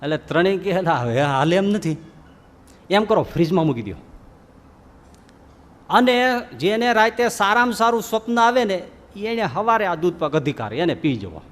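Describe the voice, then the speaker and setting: A man's high, bright voice rings out across a large hall with a long reverb tail. He is a monk preaching, a lively storyteller who slips into the voices of his characters. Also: moderate pace, long pauses. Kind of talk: devotional sermon with storytelling.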